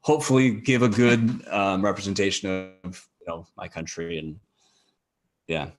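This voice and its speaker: Speaking at normal speed in a low, steady voice, a man from the United States appears as a podcast guest. His casual conversation is reflective and sprinkled with plenty of "you know."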